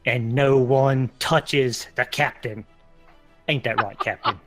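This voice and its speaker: A man's voice: mid-range voice, takes it slowly, faint music behind, lightly acted. A man voicing a creepy, gold-hungry male pirate who talks in a sly, wheedling way.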